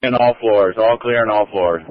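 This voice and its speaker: A man's voice: on the low side, normal speed. A man working as a fire incident commander on a two-way radio, giving procedural dispatch traffic and repeating reports back. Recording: muffled lo-fi fire radio transmission.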